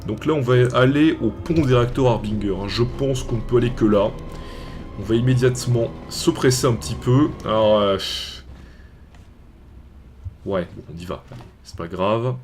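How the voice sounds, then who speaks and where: A man's voice: mid-range voice, normal speed, a little mellow, soft background music. A young man hosting a let's play, casual and rambling, often stumbling and restarting as he talks over gameplay. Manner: rambling, hesitant, restarts and fillers. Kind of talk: casual game commentary.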